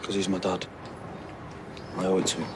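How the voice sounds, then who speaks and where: An actor playing a dutiful, grieving son in a TV soap, subdued and terse. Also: male voice, sits low, little pitch movement, moderate pace, lightly acted. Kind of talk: television soap drama. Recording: clear street and vehicle noise.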